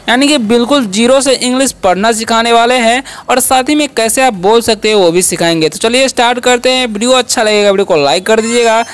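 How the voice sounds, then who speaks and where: A man with a very high voice teaches, asking a question and then answering it himself. He checks in with "okay" after nearly every line. His voice is smooth and resonant. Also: a bit bright. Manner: drills with repeated questions and answers; frequent "ठीक है" and "okay" check-ins. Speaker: English teacher. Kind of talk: classroom-style lesson.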